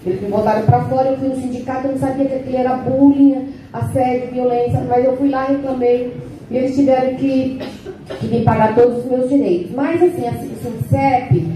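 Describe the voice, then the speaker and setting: A woman's voice: sits high, steady tone, fairly quick, mellow. A woman in her sixties giving a candid, emotional personal testimony at a union meeting. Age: 60s. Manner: emotional, candid, tearful at times. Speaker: union founder speaking at a meeting. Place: meeting hall. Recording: echoey hall, voice from far off, noisy.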